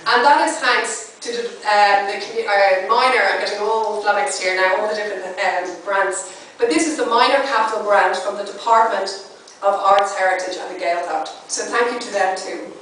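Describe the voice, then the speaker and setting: A woman's voice: medium pitch, normal speed. Woman thanking everyone at an opening, chatty and laughing, heard from far off in a really echoey hall. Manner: warm, chatty, self-deprecating, laughs often. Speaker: arts centre director giving a speech. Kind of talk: public thank-you speech. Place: large echoey room, in front of an audience. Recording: very echoey, distant, faint room noise.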